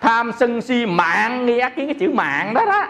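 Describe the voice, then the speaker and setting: High-voiced man giving a dharma talk. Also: big pitch swings, moderate pace, fairly bright tone. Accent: Southern Vietnamese. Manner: explains by repeating and asking listeners rhetorical questions. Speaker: Buddhist teacher.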